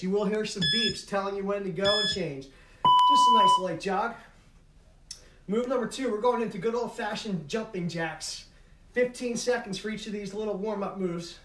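Calling out aerobic moves while exercising, this middle-aged fitness instructor motivates and pushes his home-workout audience in a high-pitched, sharp-toned voice at normal speed. The camera sits several metres off in his carpeted living room, leaving a noisy, echoey, distant recording.

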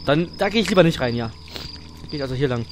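Male let's player, scared and jumpy horror game commentary, fairly high-pitched, crude casual slang, noisy background. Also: expressive, fast. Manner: crude, slangy, self-deprecating joking. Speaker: let's play streamer.

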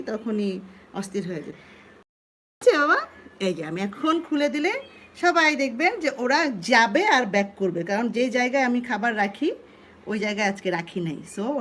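A woman talks casually to viewers in a live home vlog. Her voice sits a little high, and she slips into coaxing baby talk with her pets. Faint room noise and cat sounds come through from behind. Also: a bit bright. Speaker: vlogger talking to her cats. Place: home indoors by a sliding glass door.

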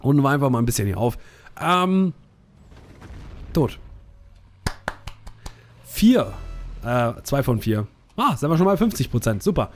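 Lebhafter junger Mann, Spielkommentar. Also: male voice, medium pitch, sing-song, a little slow, long pauses, soft background music. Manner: joking, teasing opponents, sing-song repeats. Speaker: gaming streamer. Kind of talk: casual let's play commentary.

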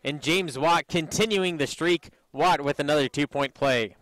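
Male play-by-play caller, bright ringing voice, dry close sound, eager delivery. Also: on the high side, moderate pace, no echo, poor audio. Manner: energetic, excited calls on made shots. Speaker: play-by-play commentator. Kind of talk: basketball play-by-play commentary.

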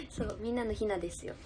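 A woman's voice: mid-range voice, mellow, slight background noise. A young woman idol chatting casually on a livestream, giggling as she reads out and answers viewer comments. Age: young adult.

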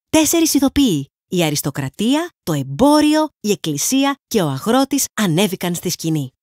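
A woman from Greece narrates a storybook with an animated, swinging pitch and an expressive delivery. Her voice sits at a middle height and sounds dry and close to the mic. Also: no echo. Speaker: audiobook narrator. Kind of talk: scripted audiobook narration.

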